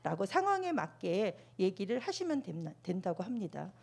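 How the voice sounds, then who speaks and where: A middle-aged woman giving a church Sabbath school talk on phone manners, acting out polite sample phone lines in a raised, bright voice. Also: mid-range voice, sing-song, normal speed, creaky, slightly rough.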